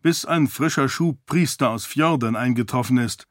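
A man voicing a stern, ambitious male high priest in an audiobook, speaking in a commanding, formal way. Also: moderate pace, no room sound, clean studio sound, lightly acted.

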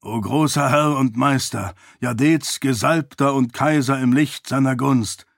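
A man's voice: mid-range voice, unhurried, dry recording, clean studio sound. A man voicing a scheming male priest who speaks formally and with deference to his master. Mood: deferential. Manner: ceremonious, smooth.

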